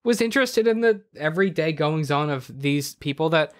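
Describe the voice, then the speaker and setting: A man co-hosting a podcast, chatting casually about a book, rambling with many fillers and jumps in pitch. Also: lively intonation, normal speed. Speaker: podcast co-host. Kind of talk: casual book club chat.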